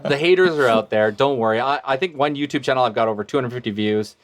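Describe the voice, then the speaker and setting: A man hosting a casual podcast, giving relaxed advice with frequent fillers. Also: medium pitch, fast. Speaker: podcast host.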